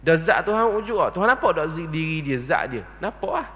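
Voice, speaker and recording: Male mosque lecturer, 30s, fairly high voice, fires and answers his own questions, recorded in a reverberant prayer hall. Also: very animated, brisk, a bit bright. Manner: rhetorical questions answered himself, checks understanding. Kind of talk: religious lecture. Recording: long reverb of a large hall.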